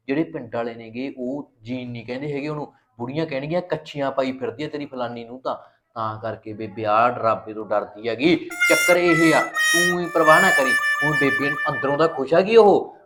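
A man playing a fast-talking young husband. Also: medium pitch, fairly bright tone, natural voice. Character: cheeky young village husband.

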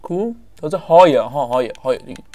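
A man giving casual, rambling commentary over his own strategy game session, often pausing to search for the right word. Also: medium pitch, expressive, dark tone, no room sound. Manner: chatty, rambling, searches for words. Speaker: gameplay commentator.

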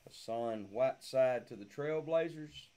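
Break host, male, mid-pitched, names each card as it is pulled. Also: a little slow, dark tone. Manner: reads out player names, joking asides. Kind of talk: live card-opening commentary.

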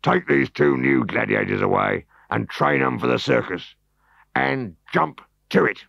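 A man reading a storybook, voicing a greedy, scheming middle-aged Roman boss in a raised, oily, drawn-out voice. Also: mid-range voice, lively intonation, creaky, a bit bright, dry recording, voice pushed up, full character voice. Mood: commanding. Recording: dull, dry recording.

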